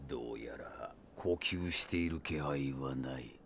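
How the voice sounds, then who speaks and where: A man voicing an arrogant, sadistic male vampire villain in an audio drama, with theatrical, menacing, drawn-out delivery. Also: very deep voice, creaky, a little hiss or hum, full character voice. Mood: cold, gloating. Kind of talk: Japanese anime-style audio drama acting.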